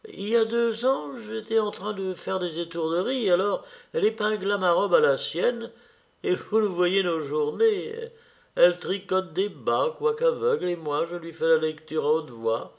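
A man's voice: high voice, moderate pace, vocal fry, lo-fi sound. A man reading as a curious shy young woman.

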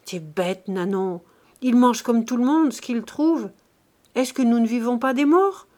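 A stingy old miser barks curt orders, as a woman reads him aloud in an audiobook. His tone stays gruff and dismissive, pitched fairly high and pushed louder than the narration. It is a plain, lightly acted storybook voice. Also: moderate pace, close to an everyday voice. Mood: stern.

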